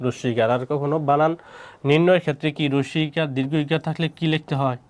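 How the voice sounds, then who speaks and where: A man's voice: a little high, steady tone, fast talker, darkish tone, a little hiss or hum. A man from Bangladesh teaching pronunciation rules, repeating himself and asking questions he answers himself. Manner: repetitive, asks and answers his own questions. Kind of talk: spoken lesson on pronunciation rules.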